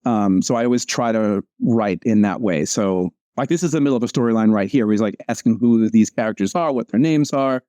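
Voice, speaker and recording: This relaxed, mellow-voiced man talks about his comic strips in a casual video call, wandering off track and starting sentences over amid many fillers. He speaks low and fairly quickly with hardly any pauses, and the sound is close and dry with no echo.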